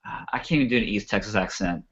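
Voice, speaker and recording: A man hosting a live web show, talking fast and enthusiastically in a radio-announcer manner. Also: lowish voice, a bit bright, lo-fi sound. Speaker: show host.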